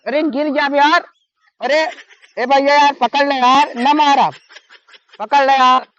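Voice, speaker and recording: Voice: medium pitch, a little slow, a bit bright, lightly acted. A performer with an Awadhi accent playing an exasperated, bossy and wheedling village mango thief in an amateur comedy sketch, repeating commands insistently. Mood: angry, pleading. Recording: muffled lo-fi audio with faint noise.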